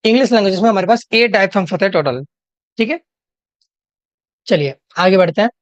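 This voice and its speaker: Animated and mid-range, a young Indian-accented woman explains an English exam lesson in Hinglish, one step at a time. She reads the English questions slowly and keeps asking listeners "theek hai?" The home recording has no echo and sounds dry and slightly dull.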